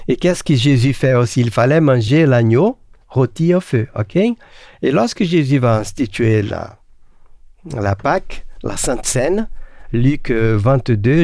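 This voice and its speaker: An earnest man teaches the Bible in a conversation, asking rhetorical questions of his listeners. His voice is dark and mellow, with many fillers and restarts. The recording is close and dry. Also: medium pitch, dry recording. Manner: halting, with frequent fillers and restarts.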